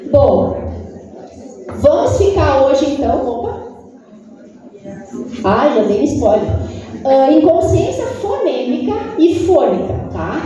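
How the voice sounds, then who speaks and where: A high, mellow-toned woman lectures to teachers in a loose, conversational way, tagging her points with quick check-ins. She is heard from far off in a very echoey hall. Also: sing-song, muffled recording. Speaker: lecturer in a teacher training course.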